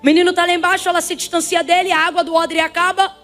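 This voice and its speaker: A Brazilian woman preaching a sermon to a congregation, emphatic and swinging from soft talk to shouts as she calls on the listeners. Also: extremely high pitch, level tone, quick pace, soft background music. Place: church before a congregation.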